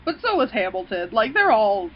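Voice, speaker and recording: A woman's voice: a little high, normal speed. Laughing, swearing woman on a muffled podcast. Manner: laughs often, animated, swears casually. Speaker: podcast co-host. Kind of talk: casual podcast chat.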